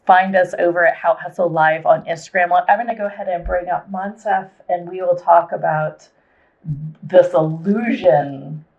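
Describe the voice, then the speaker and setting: A woman host with a gravelly, creaky voice chats in an easy, dreamy way. Her audio sounds dull and lo-fi. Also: on the low side, normal speed. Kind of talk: casual chat.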